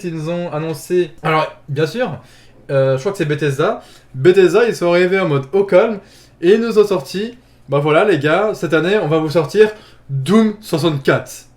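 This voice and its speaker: A man's voice: fairly high pitch, a little mellow. Rambling young man recapping game news. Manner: rambling, self-correcting, laughs at himself. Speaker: gaming YouTuber.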